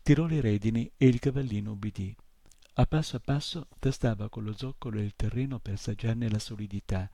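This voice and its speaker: A man narrates a novel in a steady, measured storytelling manner. His voice is dark and mellow with a gravelly texture. The recording is dry and close, with no room sound. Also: fairly low pitch, no room sound. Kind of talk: audiobook reading.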